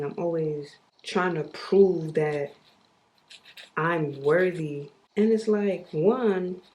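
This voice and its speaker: Young woman vlogger, low gravelly voice, candid emphatic self-talk. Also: a little mellow. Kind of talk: reflective personal monologue.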